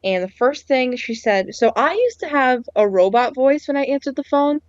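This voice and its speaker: A woman's voice: high voice, moderate pace, no room sound. A woman co-hosting a podcast, telling a story with animation and acting out the people in it. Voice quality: animated storyteller who acts out other people's lines. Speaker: podcast co-host. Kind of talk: casual chat. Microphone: internet call. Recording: dull lo-fi internet call audio.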